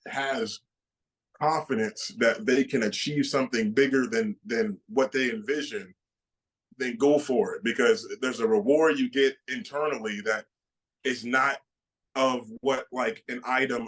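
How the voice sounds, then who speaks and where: Young man, excited, stammering, repeats his words, interview guest. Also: medium pitch, moderate pace, poor audio. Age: 20s. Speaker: guest bodybuilder. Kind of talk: casual interview answers.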